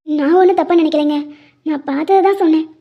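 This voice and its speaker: A woman's voice: high voice, quick pace. A woman voicing a hurt, tearful young wife. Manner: wounded, pleading, quietly bitter. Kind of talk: animated drama voice acting. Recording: dull lo-fi sound.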